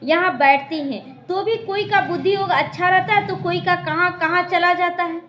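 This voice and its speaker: A woman's voice: extremely high pitch, normal speed, fairly bright tone. A woman, a spiritual teacher explaining scripture to a class, repeating her points and speaking straight to her listeners. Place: meditation class hall. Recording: echoey room.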